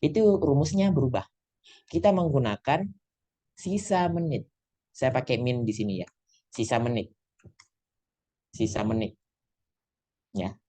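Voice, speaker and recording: A man's voice: mid-range voice, unhurried, pauses often, warm tone. A male tutor gives an online English lesson over a video call. He talks in a chatty way and drops English phrases into his explanations. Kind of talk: online class lecture. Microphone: computer mic on a video call.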